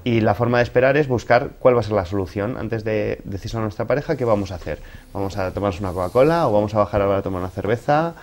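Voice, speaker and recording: A man's voice: lowish voice, rapid-fire, a little mellow. A man from giving relationship advice in an interview, explaining things didactically through examples.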